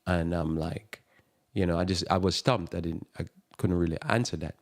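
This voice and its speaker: A man's voice: deep voice, steady tone, normal speed. A man preaching a sermon-style radio talk in a thick accent. He rambles, restarts his words and chuckles at his own asides. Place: radio program.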